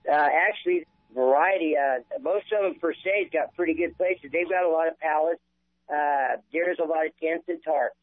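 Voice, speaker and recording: A man calling into a radio talk show over a crackly phone line that fades in and out, talking haltingly with lots of fillers. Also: fairly high pitch, no echo. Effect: crackly phone line fading in and out. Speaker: caller. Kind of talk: call-in radio interview.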